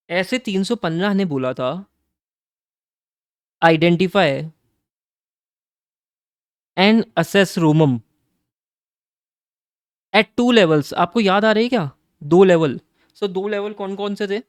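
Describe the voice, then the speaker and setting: A man teaching auditing in an exam-prep lecture. He asks his own questions and answers them, and draws key terms out slowly. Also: sits high, no echo, clean studio sound. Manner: calls students "beta" and "bhai", coaxing and playful.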